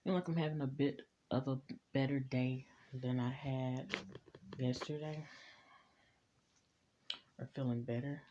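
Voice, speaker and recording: A man talking casually in a personal vlog, relaxed and reflective, eating as he talks, recorded on a phone at home. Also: medium pitch, unhurried, pauses often, noisy background. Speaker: vlogger. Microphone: phone camera.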